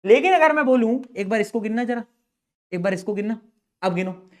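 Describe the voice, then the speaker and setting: This young adult chemistry tutor sounds high-pitched, animated and brisk as he walks through a chalkboard-style explanation. He jokes with his students, chats freely, and calls them "beta" and "bhai."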